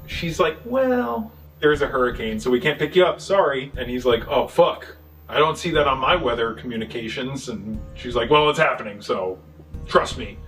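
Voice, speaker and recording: A man's voice: mid-range voice, a bit bright, distant mic, rough recording. Guy swearing his way through a movie recap, sounds a bit off mic, music under it. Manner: profane, jokey retelling with quick voices for characters. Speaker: podcast co-host. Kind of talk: casual movie recap chat.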